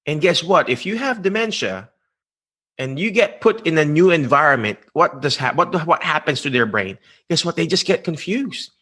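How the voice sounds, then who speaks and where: A man's voice: on the high side, animated, moderate pace, bright, forceful tone, slightly rough. A man from the Philippines with a Filipino accent, hosting a live-stream interview and asking emphatic rhetorical questions. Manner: repeats words, speaks with emphatic rhetorical questions. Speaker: host.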